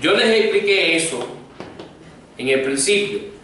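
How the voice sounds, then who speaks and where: A male teacher giving a Koine Greek grammar lesson, speaking slowly and patiently and having the class repeat each word. His voice is a little high, and he is recorded from far off in a very echoey room with faint noise behind him. He carefully explains verb endings and meanings. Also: lively intonation, sharp tone. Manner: slow, patient drilling with repeat-after-me prompts.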